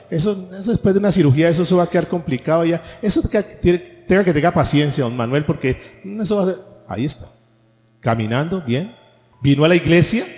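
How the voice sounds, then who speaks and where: A man's voice: fairly high pitch, darkish tone. A man preaching a sermon as pastor, asking the congregation rhetorical questions. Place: church hall. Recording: echoey church hall with faint music.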